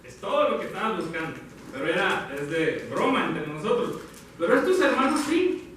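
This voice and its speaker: A man preaching a sermon, talking warmly to the congregation as brothers and sisters, pausing and correcting himself as he goes. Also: high voice, big pitch swings, a little hiss or hum. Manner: addresses listeners as brothers, halting with self-corrections. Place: church hall. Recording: very echoey hall, from far off.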